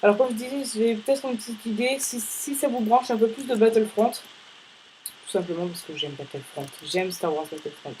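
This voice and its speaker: A man's voice: high voice, normal speed, darkish tone, slight background noise, low-quality recording. A male gaming host giving casual, rambling let's-play commentary, chatting playfully with viewers between tasks.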